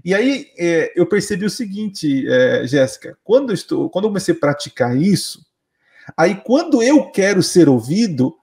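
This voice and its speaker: A man's voice: high voice, big pitch swings, normal speed, darkish tone. A man, a father, chatting casually and animatedly with frequent hesitant restarts. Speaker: father, co-host of the conversation. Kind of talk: casual conversation.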